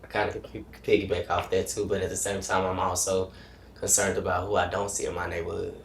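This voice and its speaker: A man in his thirties from Texas speaks on a panel in a halting way. His voice is very deep and flat, with faint room ambience behind it. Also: a little hiss or hum. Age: 30s. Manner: halting, hesitant. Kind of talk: panel discussion.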